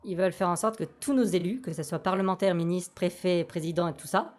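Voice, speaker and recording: A man speaking through a voice changer, patiently explaining a political programme point by point in a casual debate. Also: fairly quick. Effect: voice changer, altered pitch. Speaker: political activist guest.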